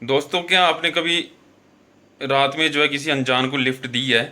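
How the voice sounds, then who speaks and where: This male horror storyteller sounds bright and forceful, at medium pitch and a moderate pace. As the show's host, he narrates informally, repeating himself, leaning on fillers and correcting himself along the way.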